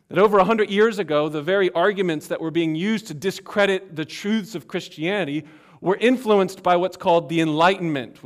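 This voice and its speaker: A man preaching a sermon as pastor, earnest and emphatic, swinging between loud passages and hushed ones. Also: a little high.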